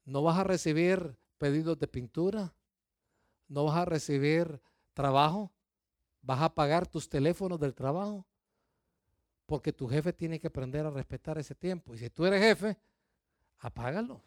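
A middle-aged man preaching a sermon, lively, firing questions at the congregation and acting out their excuses. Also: on the high side, normal speed, pauses often, dry recording, clean studio sound. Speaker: pastor.

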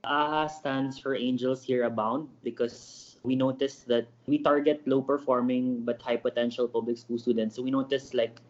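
Man in his thirties, flat intonation, interview guest, slightly dull call audio. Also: medium pitch, moderate pace, few pauses. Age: 30s. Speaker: guest, education project founder. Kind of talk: interview answers. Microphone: Skype call.

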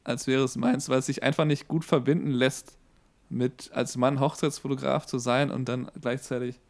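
A man co-hosting a casual podcast, a wedding photographer calmly explaining his view. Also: medium pitch, moderate pace, vocal fry.

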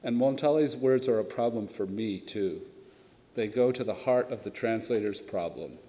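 A man giving a literary lecture on translating poetry, reading poems aloud in a measured way. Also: on the low side, mellow. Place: lecture hall. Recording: long hall reverb.

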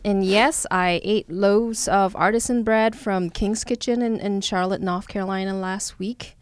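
Woman host, mid pitch, hesitant filler-laden delivery, dry close sound. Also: clean tone, no echo. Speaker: podcast host. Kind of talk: casual podcast chat.

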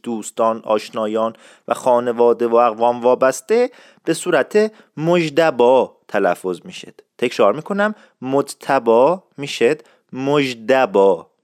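A man hosting a casual spoken lesson, explaining slowly and repeating words for practice, in a friendly, chatty way. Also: mid-range voice, no room sound, clean studio sound. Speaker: podcast host teaching a dialect.

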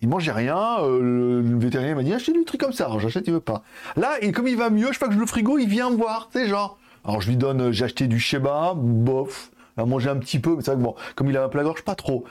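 A man's voice: mid-range voice, animated, fast talker, a little mellow. A man streaming live, chatting casually, laughing often and reading viewer comments aloud. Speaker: Twitch streamer.

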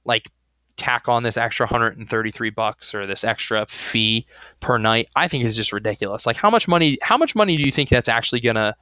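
A man's voice: mid-range voice, a little fast, pushed and bright, clear, resonant tone, dry recording. A young man co-hosting a podcast in casual chat, rambling with lots of fillers and restarts. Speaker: podcast co-host.

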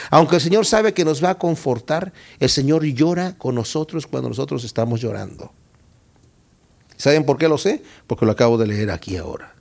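A man preaching a Bible study sermon, reading scripture aloud and explaining it with lively questions to his listeners. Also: on the high side. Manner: expressive, reads scripture then explains it, asks the listeners questions.

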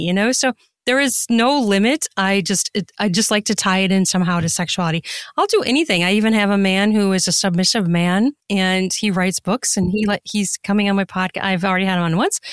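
As a guest on a podcast, this erotica author and narrator talks freely and explains things in relaxed interview conversation. The sound is studio quality with no echo, carrying her mid-range voice.

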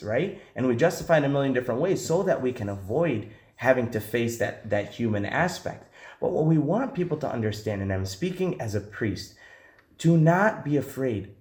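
A man's voice: mid-range voice, darkish tone, roomy sound. A man who is a priest, talking earnestly and reassuringly in a podcast discussion. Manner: earnest and reassuring, speaks with emphasis.

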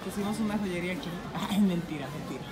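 A woman's voice: lowish voice, fast talker, loud music behind the voice, over a noisy crowd. A woman, chatting and exclaiming as she vlogs around a city. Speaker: vlogger. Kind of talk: casual travel vlog. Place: out and about in a city.

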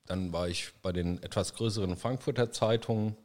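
A man in his forties from Saarland, a journalist guest answering in a relaxed, matter-of-fact way. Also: on the low side, normal speed. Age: 40s. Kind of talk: casual interview.

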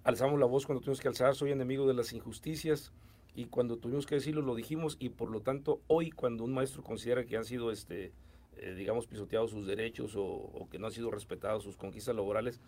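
A man's voice: medium pitch, fairly even intonation, dark tone. A middle-aged man with a Mexican Spanish accent, an education official answering interview questions with many fillers and restarts. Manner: fast, hesitant with many fillers.

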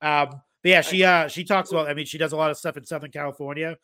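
Bright-voiced podcast host, rambling. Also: male voice, on the high side, fairly even intonation, fast talker. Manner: rambling, many fillers and restarts. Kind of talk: casual interview chat.

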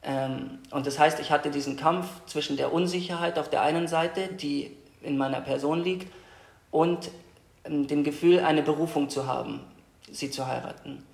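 A young man from Austria, a guest in an interview, tells his personal story in a hesitant, reflective way with many pauses and restarts. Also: on the high side, gravelly. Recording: echoey room.

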